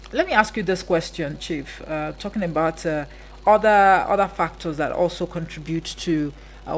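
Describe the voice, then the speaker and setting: A Nigerian woman hosting a radio interview, asking long, measured questions with frequent fillers. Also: lowish voice, a little hiss or hum, poor audio. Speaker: radio show host.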